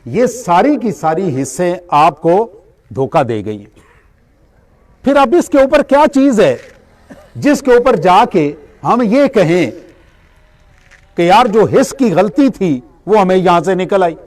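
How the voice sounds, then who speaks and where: High-voiced man giving a spiritual talk. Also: very animated, pauses often, a little mellow. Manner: explains with everyday examples, asks and answers his own questions. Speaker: religious speaker. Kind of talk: spiritual lecture.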